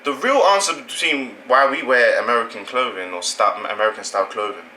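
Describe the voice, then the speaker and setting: A man's voice: mid-range voice, a little fast, sharp tone, a little hiss or hum, low-quality recording. A young British man from England hosting his channel, talking through an opinion in a casual, rambling way and often correcting himself. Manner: rambling, self-correcting, conversational. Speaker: channel host.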